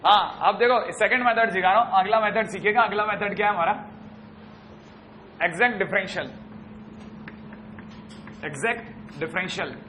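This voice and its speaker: A man teaching math in a classroom lecture, brisk and chatty, teasing his students as he works through problems. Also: high-pitched, bright, forceful tone, slight background noise.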